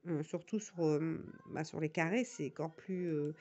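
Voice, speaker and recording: Low-pitched and darkish, at normal speed with the highs cut off, a diamond painting vlogger from northern France talks in a Nord accent. Her casual tutorial chat about her crafting tools rambles, with lots of fillers, restarts, and side remarks.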